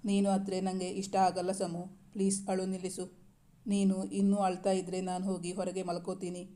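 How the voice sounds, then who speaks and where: A woman voicing a young husband who gently coaxes and teases his wife in a storybook reading. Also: medium pitch, completely flat delivery, moderate pace, natural voice. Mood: teasing. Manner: coaxing, gently teasing. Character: young loving husband, teasing and tender.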